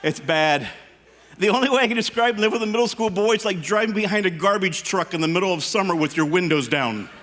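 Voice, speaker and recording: Stand-up comedian, male, 50s. High, sharp voice, animated delivery, works the live crowd with teasing questions. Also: brisk. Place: live stage show before an audience.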